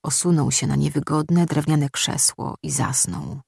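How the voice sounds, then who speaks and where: An audiobook narrator reading a story in a steady, measured way. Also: medium pitch, gravelly, breathy edge, no room sound. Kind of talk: scripted narration.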